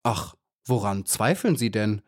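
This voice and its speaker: A man's voice: fairly low pitch, lively intonation, a little slow, a little mellow, no room sound, studio quality. Maya, a little bee, voiced by a man. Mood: curious. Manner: frightened, pleading, then defiant. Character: small brave young female honeybee. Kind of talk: audiobook character voice.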